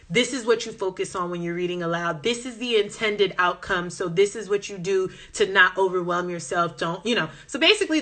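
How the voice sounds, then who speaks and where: On a phone live stream, a woman with a Southern American accent passionately chats and reads viewer comments as they come in. She runs a language-learning Instagram account, and her voice sits on the low side with a sharp tone.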